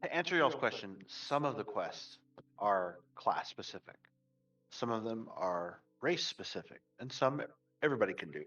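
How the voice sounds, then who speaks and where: Low-voiced distant game master. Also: male voice, big pitch swings, measured pace, a bit bright, dull audio. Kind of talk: narrating a tabletop game. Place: online voice chat.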